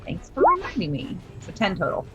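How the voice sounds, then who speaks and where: A woman's voice: mid-range voice, huge pitch swings, fairly quick, bright, forceful tone, lo-fi sound, faint music behind. A woman playing a tabletop game, talking casually through her turn.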